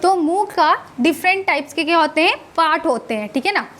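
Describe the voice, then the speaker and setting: Female teacher, high voice, lecture style, asks and answers her own questions, stretches sounds to demonstrate. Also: animated, a bit bright, a little hiss or hum. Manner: asks the class questions and answers them herself, adds "है ना"; stretches sounds slowly to show how they are said. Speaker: Hindi grammar teacher. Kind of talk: classroom lecture.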